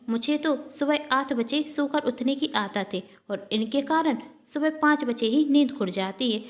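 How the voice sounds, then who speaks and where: A woman's voice: sits high, a little mellow, lightly acted. A woman voicing a selfish young daughter-in-law who complains and gossips.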